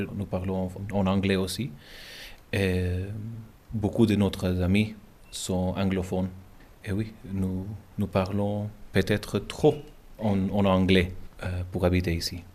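A man from Gibraltar, a native English speaker, answering interview questions in halting French with a Spanish-tinged accent, often stopping to search for words. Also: low voice, level tone, darkish tone. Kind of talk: interview answers in a second language. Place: at home.

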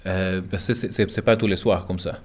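Gibraltarian man, very low voice, careful halting French with a Spanish lilt, interviewed at home. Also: steady tone. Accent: Gibraltarian, Spanish-tinged French. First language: English. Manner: halting, searching for words, many restarts. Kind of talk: interview answers in a second language.

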